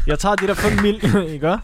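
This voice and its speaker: A young man co-hosting a podcast, joking and boasting in casual banter, recorded with loud noise behind him. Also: high voice. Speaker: podcast co-host. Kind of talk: casual chat.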